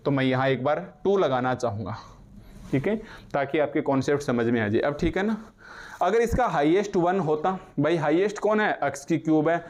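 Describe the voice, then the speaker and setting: A man teaching maths in a classroom lecture, dictating definitions slowly and quizzing his students. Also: on the high side. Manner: explains in Hindi with English terms, slow dictation, asks students questions.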